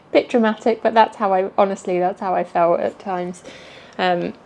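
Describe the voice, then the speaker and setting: A woman's voice: mid-range voice, lively intonation, slow pace, gravelly, a little mellow. A woman travel vlogger chatting casually to camera in a jokey, self-deprecating way.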